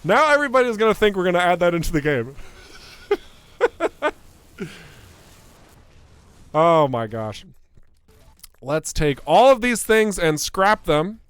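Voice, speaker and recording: A young man with a high, smooth voice chats through a live gameplay stream, playful and excitable and quick to laugh. He reacts to his viewers' comments as he plays. The sound is close and dry, with no room echo. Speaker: game developer streaming gameplay.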